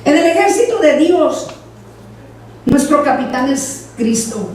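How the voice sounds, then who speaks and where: High-voiced woman pastor preaching in an echoey church. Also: slow pace, recorded from a distance. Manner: animated preaching, acting out voices in quotes. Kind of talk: sermon.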